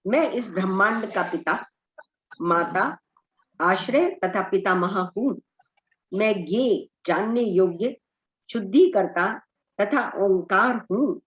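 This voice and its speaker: A middle-aged woman teaching an online scripture class, slowly chanting verses and then translating them line by line. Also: medium pitch, reverberant, dull audio. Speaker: Gita study group teacher. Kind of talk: slow scripture recitation and explanation. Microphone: online group call.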